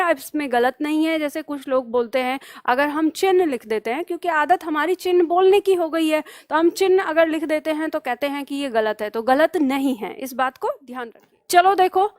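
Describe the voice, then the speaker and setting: A woman teacher giving an exam-prep grammar lesson, dictating notes slowly and asking and answering her own questions. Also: high voice, no room sound, studio quality.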